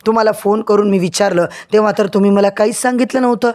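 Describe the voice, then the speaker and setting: A man's voice: high voice, fairly even intonation, quick pace, close to an everyday voice. A man voicing an angry young heir in a serial recap, indignant and demanding answers. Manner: indignant, shouting complaints.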